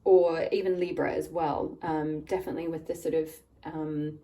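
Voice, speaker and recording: A woman giving a casual pick-a-card tarot reading. Her voice is slightly croaky from a recent illness, and she talks in a rambling, reassuring way with lots of "like" and "I feel like". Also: sits low, level tone, moderate pace, warm tone, far from the mic, rough recording.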